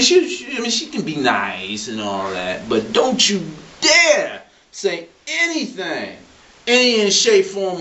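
A man hosting his own vlog in a comedic, rambling rant, profane and animated, full of "I mean" and "you know" fillers. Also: on the high side, recorded from a distance, dull audio. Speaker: vlog host.

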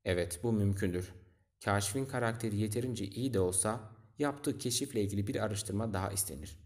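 A man's voice: lowish voice, brisk, darkish tone, close to an everyday voice. A man reading aloud, voicing a bookish, self-important old male geographer from a storybook who lectures. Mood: lecturing.

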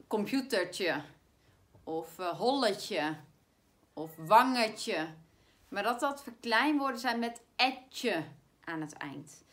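A woman teacher with a Dutch accent giving a spelling lesson to primary pupils, saying words slowly and clearly so they can be spelled. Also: a little high. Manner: slow, clear, stretches words to spell them out.

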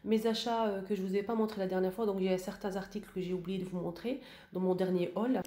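A woman's voice: mid-range voice, steady tone, fast talker, warm tone, roomy sound. Hesitant woman giving a home tour. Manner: hesitant, many fillers and restarts. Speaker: home decor vlogger. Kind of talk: casual voice-over room tour.

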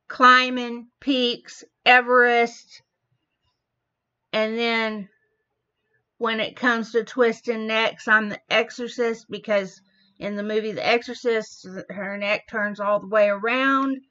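A woman hosting a reaction video, slowly explaining the wordplay of a song line by line. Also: fairly high pitch, steady tone, bright, forceful tone. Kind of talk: casual commentary. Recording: dull lo-fi audio.

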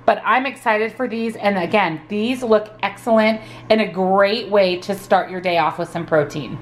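A meal prep vlogger and nutrition coach narrates her weekly meal prep in a casual cooking voice-over, upbeat and chatty, explaining each step as she cooks. Her voice is medium-pitched at a moderate pace, with a little hiss or hum in the audio.

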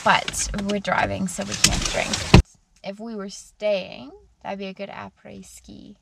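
A woman's voice: medium pitch, flat delivery, a little slow, creaky. A young woman chatting casually for a travel vlog, outdoors on a trail and then in a car, recorded on a handheld camera. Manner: chatty, enthusiastic, trails off mid-sentence. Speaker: travel vlogger. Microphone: action camera held at arm's length. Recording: distant camera mic with road noise.

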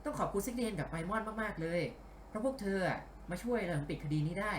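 A man reading the lines of a calm woman detective club president, explaining her reasoning step by step while playing a game. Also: high-pitched, fast, echoey room, a little hiss or hum, pitched above the performer's own voice. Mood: matter-of-fact. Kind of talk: dubbing game dialogue aloud while playing.

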